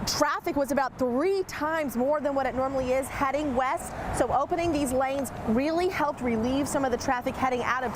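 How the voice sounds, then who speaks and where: A woman field reporter giving an explanatory, emphatic live news report from outdoors. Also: high voice. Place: outdoors beside an interstate highway. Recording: noisy outdoor roadside with traffic. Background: vehicle and road noise.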